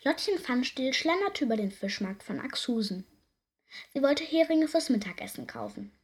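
A woman reading a children's story aloud in a lively, expressive way. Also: high voice, normal speed, husky.

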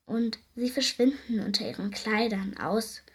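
A woman reading aloud, voicing a gentle, loving mother at bedtime who speaks softly and soothingly, with a breathy voice. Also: a little high, a little slow. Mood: tender. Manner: soft, soothing, hushed. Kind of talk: storybook reading.

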